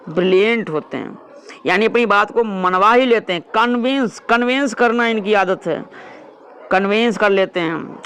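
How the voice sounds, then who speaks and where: High-pitched male teacher. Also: fairly bright tone, clear, resonant tone. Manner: repeats words, reads English examples slowly. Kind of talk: vocabulary lesson.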